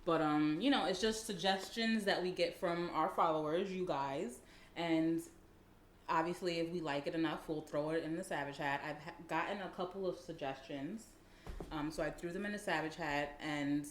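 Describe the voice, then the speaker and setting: A woman's voice: low voice, normal speed, a little hiss or hum. A woman co-hosting a podcast in casual chat, blunt and profane, laughing often. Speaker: podcast co-host. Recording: echoey room.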